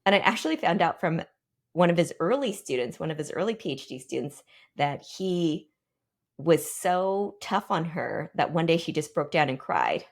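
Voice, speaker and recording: A woman in her forties with a low voice leads a team workshop, thinking aloud and pausing between ideas. She checks in with the group with questions as she goes. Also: lively intonation. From Pacific Northwest, United States. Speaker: workshop guest speaker.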